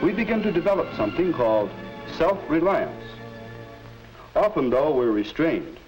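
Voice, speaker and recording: A man acting as a middle-aged schoolteacher in a 1950s educational film, speaking like a narrator of that era in a measured, didactic way. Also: a little high, very animated, a little mellow, soft background music, rough recording. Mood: instructive. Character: kindly, instructive male schoolteacher in a 1950s film. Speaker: teacher advising a student. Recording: hissy old 1950s film soundtrack.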